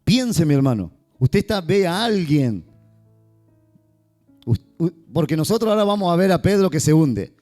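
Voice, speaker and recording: Pastor preaching over soft guitar. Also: male voice, on the high side, normal speed. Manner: lively, joking asides to the congregation. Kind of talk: sermon.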